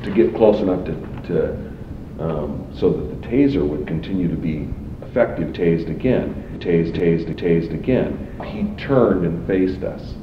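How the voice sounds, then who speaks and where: A man, a police officer, giving halting recorded testimony and often repeating himself. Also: sits low. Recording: roomy, distant, muffled, noisy archive tape.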